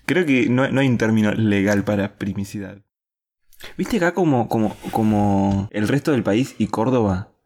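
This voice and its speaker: A young man with an Argentine accent chats casually as a podcast host, his voice a little low. He rambles along with a joking tone, stumbling over repeated words while he gathers his thoughts. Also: lively intonation, moderate pace, a little mellow. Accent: Argentine Spanish. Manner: rambling, repeats words when thinking, jokey. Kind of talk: casual chat.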